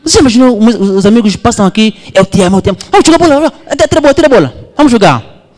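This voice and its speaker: A man's voice: extremely high pitch, expressive, rapid-fire, darkish tone, pitched above the performer's own voice. A man voicing a dismissive older brother who waves off his little brother's words. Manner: bossy, brushing off. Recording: long hall reverb.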